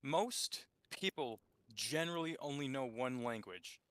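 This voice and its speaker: A man's voice: medium pitch, lively intonation, a little slow, a bit bright, no echo. A young adult man chatting eagerly, jumping in and swearing now and then. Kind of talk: casual chat.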